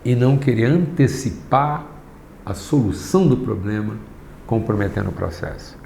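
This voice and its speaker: A man preaching a sermon as a class lesson, slow and emphatic, rising to raised lines and dropping to hushed ones. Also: lowish voice, animated, creaky. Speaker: pastor teaching a class. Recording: echoey room, faint background noise.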